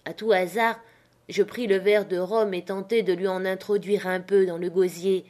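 A woman reading an adventure novel aloud as an audiobook narrator, in a steady, measured storytelling manner. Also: medium pitch. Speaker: audiobook reader. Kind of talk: scripted narration.

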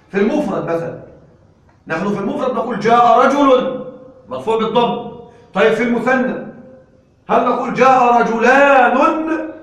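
A man teaches a grammar class and keeps asking his students questions as he goes. His voice sits high. He is caught by a distant mic, and the room's echo is heavy. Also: a bit bright. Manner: drills with questions to the students, slow on examples. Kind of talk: classroom lesson. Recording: echoey room from far off.

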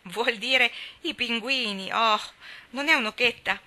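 A woman's voice: a little high, unhurried, sharp tone, pitched above the performer's own voice. A woman reading aloud and voicing an eager know-it-all young boy in a storybook. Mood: giggling.

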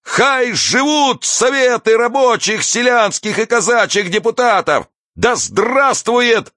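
A man voicing a fervent male street orator whipping up a crowd, speaking slowly with Ukrainian words mixed in. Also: very high voice, lively intonation, bright, forceful tone, no echo, studio quality, pitched above the performer's own voice, full character voice. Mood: rousing.

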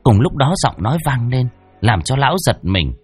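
A man's voice: medium pitch, big pitch swings, normal speed, slightly rough, soft background music. A man narrating a horror story in a dramatic, ominous way.

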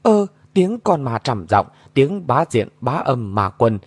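A man's voice: mid-range voice, very animated, takes it slowly, breathy edge, dry recording, exaggerated voice. A man voicing a boisterous male martial-arts fighter who jeers and laughs at strange sights. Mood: jeering amused. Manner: laughing, jeering.

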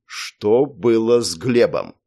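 A man's voice: medium pitch, lively intonation, normal speed, warm tone, lightly acted. A man reading an audiobook and voicing a stern male guard who questions a witness in short, demanding lines. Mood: pressing.

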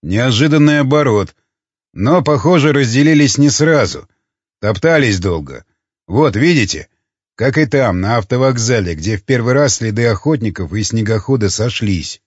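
A man reading an audiobook, voicing a gruff, steady adult searcher who speaks low, stern and blunt. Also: normal speed, no room sound, highs cut off, close to an everyday voice. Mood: calm.

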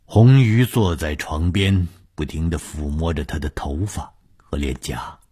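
A man's voice: a bass voice, a little slow, dark tone, slightly rough. A man telling a long serialized story in a dramatic reading style, rising on tense moments.

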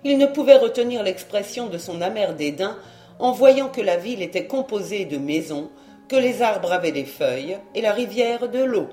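A man reading a classic novel aloud as an audiobook, in measured storytelling. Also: sits high, expressive, warm tone, faint music behind. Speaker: audiobook reader. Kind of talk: audiobook narration. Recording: roomy echo.

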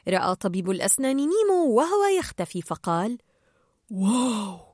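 A woman narrating a children's storybook aloud in an expressive, lively way. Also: fairly high pitch, a little fast, no echo, clean studio sound.

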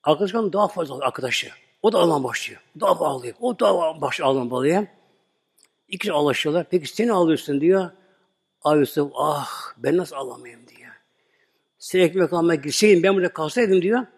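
Man, preacher, earnest sermon storytelling, slightly high voice, reverberant hall. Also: animated, a little fast, vocal fry, breathy edge. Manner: earnest storyteller acting out dialogue, addresses listeners as "muhteremler".

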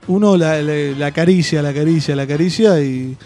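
A man's voice: fairly high pitch, a little fast, dark tone, soft background music. An Argentine man hosting a radio show, joking in casual banter and hesitating a lot. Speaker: radio host.

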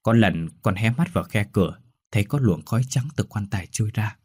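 A man's voice: fairly low pitch, brisk, darkish tone, breathy edge, dry recording. A man voicing a frightened young servant girl who stammers and pleads in a ghost story. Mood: anxious. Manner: stammering, fearful.

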